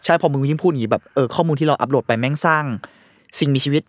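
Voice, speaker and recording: A man co-hosting a casual podcast, jumping in with quick comments and crude banter. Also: a little high, no room sound, clean studio sound. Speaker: podcast co-host.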